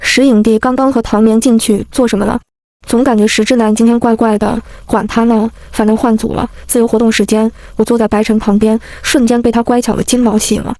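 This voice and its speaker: A woman narrating a first-person story in a lively, wry, comic manner. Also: fairly high pitch, brisk, no echo.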